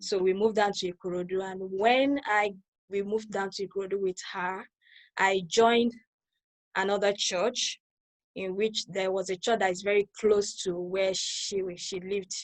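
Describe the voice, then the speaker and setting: This woman's voice is mid-range with fairly even intonation and a measured pace, captured on a rough recording. She is from Lagos, speaks with a Nigerian accent, and as a new church member interviewed by video call she tells her personal story conversationally, circling back to clarify.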